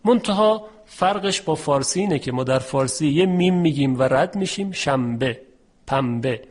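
Man teaching tajweed, slow stretched examples. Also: high-pitched. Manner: explains patiently, stretches out example words slowly. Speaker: Quran recitation teacher. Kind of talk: tajweed lesson.

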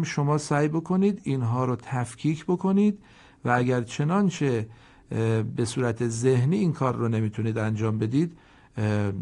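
A male teacher leads a slow Quran reading lesson, breaking each word into single letters and vowel marks before reading it whole. He speaks politely and formally, as if addressing a class directly. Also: medium pitch, a little mellow. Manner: spells out letters and vowels one by one, then reads the whole word slowly.

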